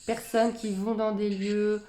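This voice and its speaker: A woman's voice: medium pitch, little pitch movement, slow pace, dark tone, a little hiss or hum. Chatty woman musing in an echoey room. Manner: musing, chatty, reads captions aloud then comments. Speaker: spiritual content creator reacting to videos. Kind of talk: casual reaction commentary.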